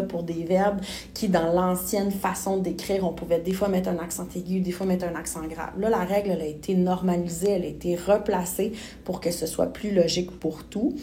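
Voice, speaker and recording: A woman's voice: on the low side, warm tone, slight background noise. A woman with a Québécois accent teaching a recorded grammar lesson, patiently spelling out letters and verb endings step by step. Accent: Québécois French. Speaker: French teacher.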